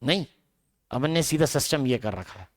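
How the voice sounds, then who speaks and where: A man's voice: medium pitch, lively intonation, normal speed. A man giving a biology lecture to a large classroom. He talks in a loose, conversational way and keeps checking in with rhetorical questions. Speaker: biology teacher.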